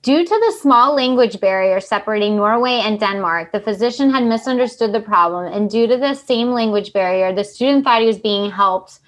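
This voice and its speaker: A woman co-hosting a podcast, chatting and reading stories aloud in an animated way with chatty asides. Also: mid-range voice, fairly quick, few pauses. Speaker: podcast co-host.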